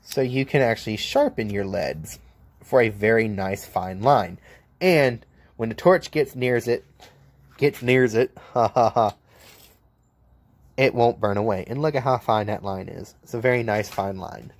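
A man's voice: fairly low pitch, a little slow, no echo. An American man, a welder, giving a casual hands-on demo of his tools, blunt and joking, filmed one-handed at an outdoor work table. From United States. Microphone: handheld camera mic, filming one-handed.

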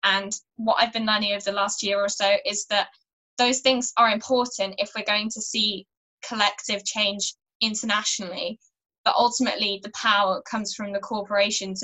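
Teen girl giving a church talk, earnest, crisp bright voice, webcam in a small room. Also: mid-range voice, poor audio. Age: teenager. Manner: earnest, articulate, steady. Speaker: youth climate activist. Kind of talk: recorded church talk to camera.

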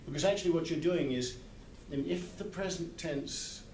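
Somewhat high and dark-toned, this man's voice runs at a normal speed. In his sixties and a literary translator, he speaks hesitantly and thoughtfully, groping for words, in an informal book club circle in a big hall. The camera a few metres away leaves the sound echoey and noisy.

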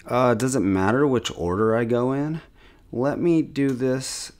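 A man's voice: mid-range voice, unhurried, a little mellow. A man giving casual, self-critical commentary on his own gameplay as a channel host, thinking aloud with restarts and chuckles.

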